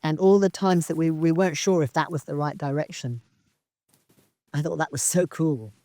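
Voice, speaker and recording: A woman from Zambia giving a slow, halting, reflective dharma talk as a meditation teacher on a retreat. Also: sits low, steady tone, dark tone, no room sound. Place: outdoor retreat in wilderness.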